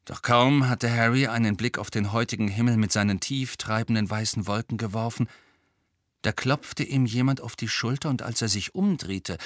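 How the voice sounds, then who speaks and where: A man narrating an audiobook in an expressive style, voicing every character. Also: mid-range voice, no echo. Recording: dry close studio recording.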